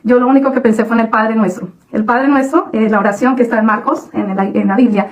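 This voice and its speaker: A woman giving a personal religious testimony, halting often with restarts and fillers. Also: on the high side, steady tone, rough recording. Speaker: testimony speaker.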